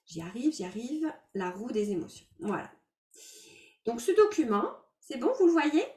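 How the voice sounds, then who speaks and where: A woman working as a life coach, teaching an online workshop in an explanatory, gentle way with many filler words, heard over a video call. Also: on the high side, sing-song, normal speed, distant mic. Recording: roomy sound from away from the mic.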